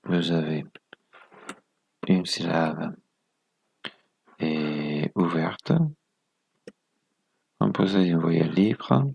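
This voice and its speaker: A man's voice: deep voice, steady tone, very slow, creaky, long pauses, darkish tone, breathy edge, no echo. A man presenting a video lesson, explaining step by step in a methodical way, counting items aloud and correcting himself as he goes.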